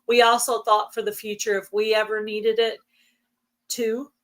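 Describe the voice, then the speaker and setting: A woman's voice: a little high, little pitch movement, normal speed, a bit bright. A woman in casual, chatty, explanatory conversation, her voice giving out from allergies. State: losing her voice from allergies, throat clearing. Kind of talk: casual chat.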